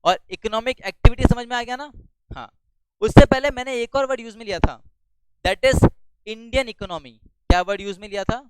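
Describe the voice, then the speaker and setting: A high-pitched male teacher, lecturing loudly in a classroom. His voice is smooth and clear, and he asks the class questions before answering them himself. The sound is dry and close. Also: a little fast, no echo, poor audio.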